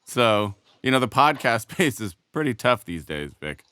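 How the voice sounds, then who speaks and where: Male podcast host, thirties, joking and animated, smooth clear voice, dry close sound. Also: mid-range voice, normal speed, no room sound. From United States. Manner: jokey, playful, animated. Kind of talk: casual interview chat.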